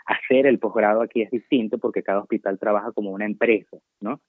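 A man's voice: lowish voice, steady tone, fast, no room sound. Venezuelan man on a tinny phone line. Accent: Venezuelan Spanish. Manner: chatty, digressive, self-mocking. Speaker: guest doctor working abroad. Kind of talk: casual interview chat.

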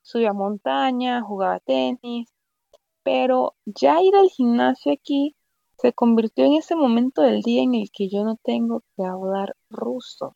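A woman from Venezuela with a Venezuelan accent, chatting casually as a guest and telling stories with lively asides. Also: a little high, unhurried, gravelly, no room sound, dull audio. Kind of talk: casual conversation.

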